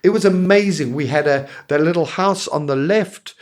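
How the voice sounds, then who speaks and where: A man's voice: a little high, normal speed. A man in his fifties, co-hosting a podcast and telling a long, rambling story with many restarts and chuckles. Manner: rambling, self-amused storyteller with frequent restarts. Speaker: podcast co-host. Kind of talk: casual chat, storytelling.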